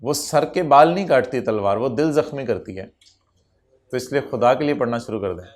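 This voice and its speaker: A man's voice: mid-range voice, lively intonation, moderate pace. A man lecturing an accountancy class, teasing his students and dropping English terms into his explanation. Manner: code-switches into English terms.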